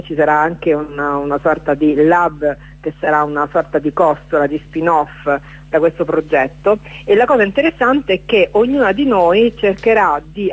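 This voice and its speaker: Heard over a rough recording, this woman has a fairly low-pitched voice. As a performer promoting a stage event on a casual radio interview, she talks in hesitant, broken phrases and leans on repetition for emphasis.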